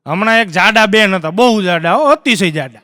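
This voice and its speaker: A man telling jokes in live stand-up, a lively storyteller who acts out the characters on a stage before an audience. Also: high voice, brisk, dry recording, studio quality, long reverb tail. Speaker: stand-up comedian.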